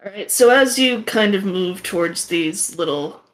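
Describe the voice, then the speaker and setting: A woman narrating a tabletop game as game master, relaxed and hesitant with fillers. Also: medium pitch, moderate pace.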